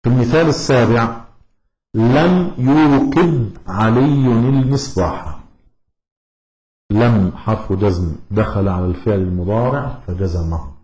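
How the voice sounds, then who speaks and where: A man teaching a grammar lesson, slow and deliberate, repeating each example word. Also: lowish voice, a little mellow. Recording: echoey room.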